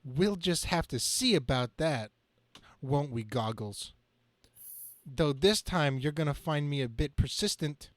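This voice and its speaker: A man's voice: a little high, expressive, a little slow, dry recording. A man voicing a wisecracking young superhero and student, narrating his own action dramatically in a comic book reading. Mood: cocky. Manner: quippy, dramatic self-narration.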